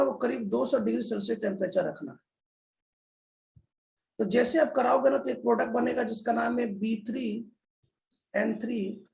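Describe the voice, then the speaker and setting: A man's voice: high voice, creaky, darkish tone. A man teaching a chemistry lesson in a classroom style, repeating key terms and often addressing the children. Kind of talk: classroom lecture. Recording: echoey room.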